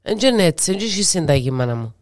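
A woman's voice: sits low, big pitch swings. A middle-aged woman with a Cypriot Greek accent, chatting informally and emphatically as a guest in an interview. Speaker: radio presenter being interviewed. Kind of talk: casual conversational interview talk.

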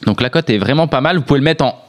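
A man's voice: medium pitch, rapid-fire. A man with a French accent giving sports betting tips on a casual radio show, hesitant, full of fillers and restarts.

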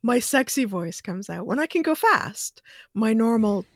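A woman's voice: on the high side, expressive, no echo. Playful woman podcast co-host, dry sound. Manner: playful, laughs easily, talks in quick bursts. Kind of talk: casual chat.

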